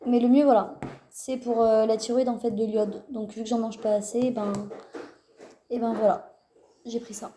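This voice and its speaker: A woman's voice: a little high, flat delivery, normal speed, mellow, slight background noise. A young woman rambling through a casual family vlog, with lots of fillers and self-corrections. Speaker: mother vlogging her family day. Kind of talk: casual chat to the camera.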